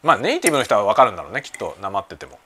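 A man hosting a casual chat show, talking in a relaxed, rambling way over lunch at home. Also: on the low side, rapid-fire, slightly rough. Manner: relaxed rambling talk while eating lunch. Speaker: podcast host. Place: home kitchen with everyday sounds. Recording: faint household background noise.

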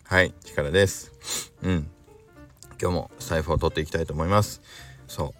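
A man's voice: low-pitched, fairly even intonation, normal speed, a bit bright, faint music behind. A man hosting his own podcast, chatting casually and rambling with lots of fillers and self-amused asides. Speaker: podcast host. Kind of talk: casual solo chat.

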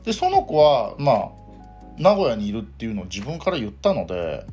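A man's voice: mid-range voice, big pitch swings, a little fast, a little mellow, soft background music. A man with a Kansai accent hosting a casual solo podcast, talking hesitantly with many fillers. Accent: Kansai Japanese. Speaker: podcast host.

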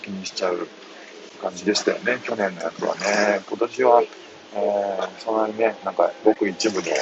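Man, 30s, deep voice, hushed mumbled chat on a bus, muffled phone audio with traffic noise. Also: steady tone, normal speed. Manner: mumbling quietly, reading listener comments. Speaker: live-stream host. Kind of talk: casual live chat. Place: on a moving city bus.

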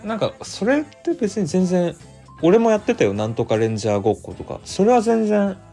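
A man's voice: high-pitched, brisk, faint music behind. A man with a Kansai accent hosting a casual solo livestream, chatting loosely and reading listener messages aloud. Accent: Kansai Japanese. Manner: chatty, animated, muses aloud with frequent fillers. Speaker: livestream radio host.

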